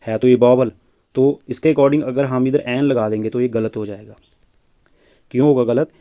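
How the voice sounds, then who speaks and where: A man's voice: medium pitch, fairly even intonation, moderate pace, mellow, smooth. A man teaching a grammar lesson, patiently explaining and repeating points with rhetorical questions.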